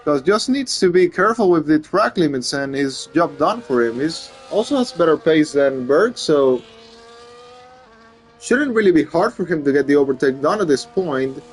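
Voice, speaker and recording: A man's voice: on the high side, animated, moderate pace, slightly rough, faint music behind. A man commentating live on a motor race as a motorsport commentator. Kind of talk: live sim racing commentary.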